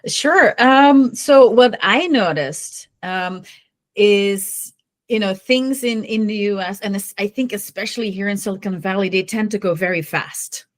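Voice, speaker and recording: A woman from Belgium speaks as a guest consultant. She explains things in a friendly way and drops the odd filler. Her voice sits at an ordinary middle pitch. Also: unhurried. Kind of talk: casual interview talk.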